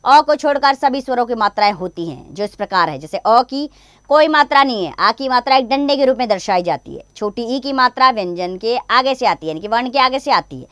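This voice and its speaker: A woman teaches young children, walking patiently through example after example. Her voice is smooth and clear and a little high. The sound is dry and close, with no room echo. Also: lively intonation, a bit bright. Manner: slow, patient explaining with examples. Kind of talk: grammar lesson for children.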